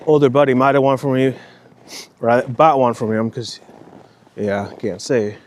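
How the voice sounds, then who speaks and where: A man with a mid-range voice, speaking at normal speed, vlogs casually on a night walk outdoors. He rambles and swears now and then, with a slight Minnesotan accent.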